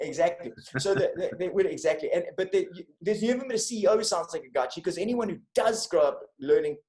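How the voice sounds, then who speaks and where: A man's voice: high voice, animated, fast, darkish tone. South African man over roomy video call. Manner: analytical, building arguments with restarts. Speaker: guest comedian. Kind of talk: podcast conversation.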